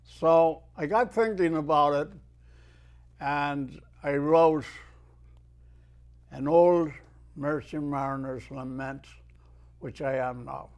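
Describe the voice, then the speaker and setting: Speaking slowly and carefully, an elderly Irish guest, a retired merchant sailor turned poet, has a fairly high voice with a darkish tone. His stories unfold at an unhurried, measured pace, and when he recites verse he declaims it with swelling emphasis.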